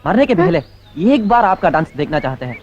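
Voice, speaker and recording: A man playing a village interpreter who flatly relays what others say. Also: on the high side, normal speed, highs cut off. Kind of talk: film comedy acting.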